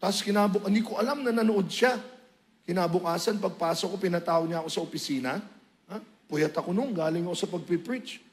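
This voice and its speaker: A male preacher giving a sermon testimony, telling his story with animated, emotional swings into loud highs. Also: brisk.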